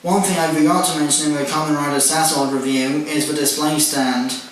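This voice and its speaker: A man talks through a toy review in a level, fairly high voice that barely rises or falls. He works methodically through each feature and tacks on "and whatnot". He sits well back from the mic in a very echoey room, with faint noise underneath. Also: steady tone, brisk, recorded from a distance. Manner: methodical, listing details with "and whatnot". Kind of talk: casual toy review walkthrough.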